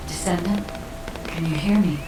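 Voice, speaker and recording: A woman voicing a calm, overly smooth female android guide in a game, speaking in a measured, formal way. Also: on the low side, natural voice. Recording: echoey and distant with loud noise.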